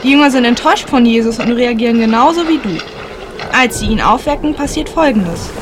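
A woman's voice: a little high, lively intonation, brisk, lightly acted. A woman playing a patient, knowing storyteller who explains things in a children's radio play. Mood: reassuring, serious. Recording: clear storm noise behind narration.

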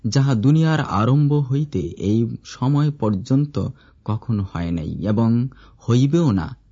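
A man with a low, dark and slightly husky voice reads scripture aloud in a measured, formal recitation. The recording sounds dull and lo-fi. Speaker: scripture reader.

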